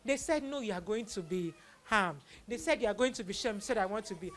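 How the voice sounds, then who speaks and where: A woman with a Nigerian accent hosts a live children's event, telling Bible stories fast in a medium-pitched voice with lively intonation. She speaks exclamatorily and acts out the quotes.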